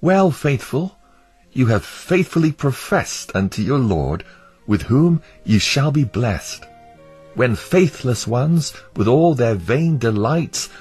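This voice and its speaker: A man's voice: medium pitch, husky, voice pushed up, exaggerated voice. A man voicing a devout male pilgrim, singing a fervent, soaring lament in a storybook reading.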